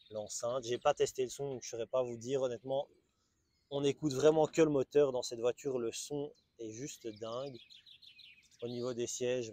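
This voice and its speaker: Presenting a car in an easygoing walkaround, a Belgian French-accented man sounds enthusiastic and chatty, with frequent hesitant restarts. His mid-range voice is a little mellow, captured on a small camera-mounted mic.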